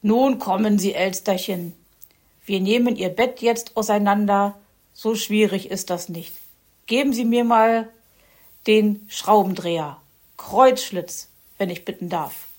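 A woman's voice: mid-range voice, measured pace, a little mellow, lightly acted. A woman voicing a grumpy male fox who grumbles and bosses others around in a children's story. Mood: bossy. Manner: gruff, grumbling, bossy.

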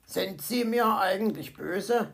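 A woman's voice: mid-range voice, slow, creaky. A woman voicing a greedy male fox with a stomach ache who talks in a sheepish, whiny way.

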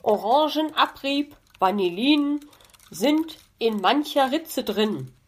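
A genial fox gentleman from a children's audiobook, courteous and amused, speaking a little lower and bolder than the storyteller, as a woman reader does him. He sounds pleased with his own rhymes. The tone is unhurried and friendly. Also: lively intonation, breathy edge, exaggerated voice. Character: genial polite male fox baker.

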